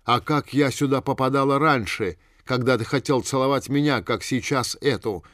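A man's voice: medium pitch, a little slow, no echo, clean studio sound, lightly acted. A man reading an audiobook and voicing a young woman who hurls insults at her ex-lover in a jealous, hysterical rage. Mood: furious, hysterical.

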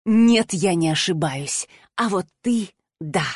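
Woman reading as a contemptuous fanatical villainess in an audiobook, slow and menacing, dry close sound. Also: on the low side, expressive, a little mellow, breathy edge, dry recording, exaggerated voice.

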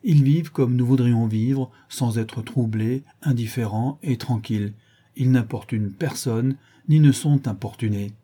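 A man's voice: medium pitch, unhurried, warm tone, slightly rough. A man voicing an earnest, secretive young painter who speaks in a confiding way.

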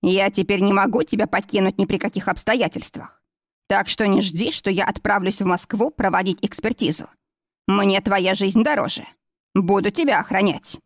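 A woman's voice: mid-range voice, normal speed, no room sound, clean studio sound, close to an everyday voice. A woman voicing a joking male pathologist. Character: joking middle-aged male pathologist, fussy.

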